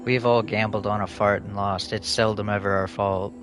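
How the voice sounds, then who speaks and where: A man's voice: lowish voice, level tone, moderate pace, music in the background. A man streaming a video game, chatting casually in a rambling, profane, joking way. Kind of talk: casual chat while gaming.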